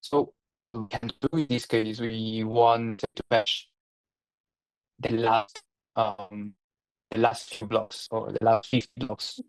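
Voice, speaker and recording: A man teaching a live coding session over a video call whose connection keeps breaking up, halting and repeating words as he explains. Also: fairly low pitch, level tone, no echo, low-quality recording. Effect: online call connection breaking up. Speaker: workshop instructor.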